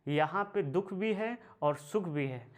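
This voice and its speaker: A man teaching a history lesson for exam preparation, repeating key phrases slowly and calling viewers his brothers and friends. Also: high-pitched, animated. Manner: slow, repeats phrases for emphasis.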